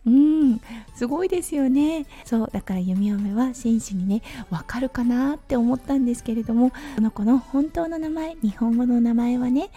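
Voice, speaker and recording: A woman in her thirties hosts her own podcast, telling everyday stories in a gentle, chatty flow with soft fillers. Her voice sits a bit high, but it sounds very dark and husky. Faint music plays quietly behind her. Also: normal speed. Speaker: podcast host. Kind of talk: casual solo talk radio.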